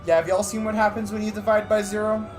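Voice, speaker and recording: A man's voice: high voice, fairly even intonation, quick pace. A man streaming a game, talking to his chat through livestream headset audio, with joking, self-mocking asides. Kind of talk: casual livestream commentary over gameplay. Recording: game music playing clearly under the voice.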